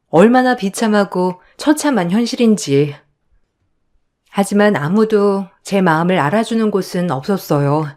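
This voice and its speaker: Woman narrating a first-person story. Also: medium pitch. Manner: calm, aggrieved retelling.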